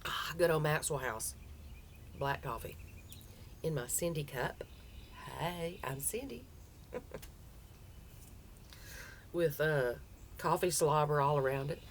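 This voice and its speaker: A woman's voice: low voice, slow, pauses often. A woman with a Southern US accent and a folksy drawl, chatting casually as a crochet vlogger. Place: outdoors on a front porch. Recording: outdoor background noise.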